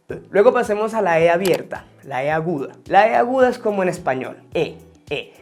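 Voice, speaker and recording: An online language teacher walks viewers through pronunciation with a mid-range voice, repeating example sounds slowly and carefully. The delivery is explanatory and direct, stopping to pose quiz questions to the audience. Faint music plays in the background. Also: mid-range voice, a little mellow. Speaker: French teacher.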